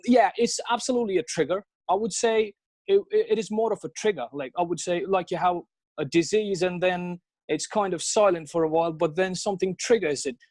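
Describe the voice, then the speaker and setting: A man's voice: high-pitched, fairly quick, darkish tone, no room sound. A man in his thirties with a Kashmiri accent, giving emphatic, spontaneous interview answers that build through lists and questions. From Srinagar, Kashmir. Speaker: interview guest.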